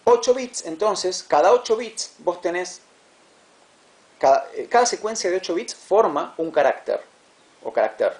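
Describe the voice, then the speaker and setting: A man teaching a class, patient and repetitive, checking understanding with quick questions. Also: high voice, animated, a little mellow, slight background noise. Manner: patient, repeats words, asks "¿sí?" to check. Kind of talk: classroom lecture.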